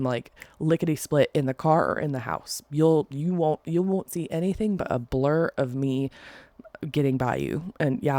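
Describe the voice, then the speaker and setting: Recording alone at home, a podcast host with a congested, nasal voice talks casually, rambling into playful asides. The voice is mid-range with vocal fry and a darkish tone, and there's no room sound.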